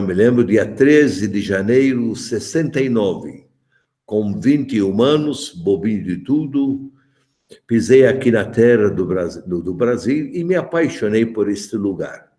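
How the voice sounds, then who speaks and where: Low-voiced bishop in his seventies. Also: mellow. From Malta. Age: 70s. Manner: joking, chatty, addresses listeners by name. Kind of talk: informal catechesis talk to adults.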